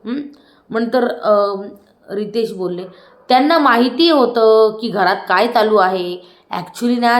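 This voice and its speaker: A woman giving a casual review of a reality show episode. She talks in a chatty way, retelling scenes with asides and quick self-corrections. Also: medium pitch, darkish tone. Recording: roomy echoey room.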